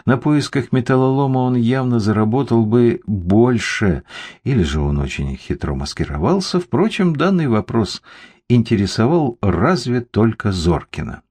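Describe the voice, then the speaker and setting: A man's voice: mid-range voice, very animated, moderate pace, darkish tone. A man narrating a first-person crime story in a wry, dry manner. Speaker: audiobook narrator.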